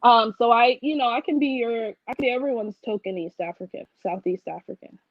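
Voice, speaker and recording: A woman's voice: on the high side, a little fast, dry recording, lo-fi sound. A young woman from Washington, D.C., a designer chatting casually and laughing as an interview guest.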